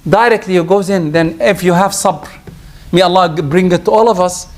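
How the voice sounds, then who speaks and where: Speaking in a high register, an Arabic-speaking preacher gives an animated Friday sermon, shifting at times into fast Arabic prayers and recitation.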